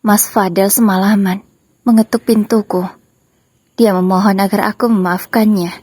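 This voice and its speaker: A woman narrating a first-person story in a slow, sorrowful way. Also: mid-range voice, a little mellow, breathy edge, no room sound.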